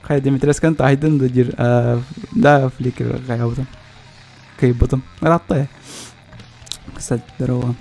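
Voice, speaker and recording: A man of middling pitch gives casual gaming commentary and chats with viewers. He is blunt, grumbly and quick to swear, with faint music behind him. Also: steady tone, vocal fry, a little mellow. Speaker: game streamer.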